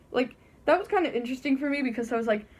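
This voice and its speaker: With a high-pitched, slightly mellow voice and a breathy edge, this teen vlogger talks animatedly and a little fast. Wearing a costume head in her bedroom, she chats and giggles through a story, voicing the people she quotes.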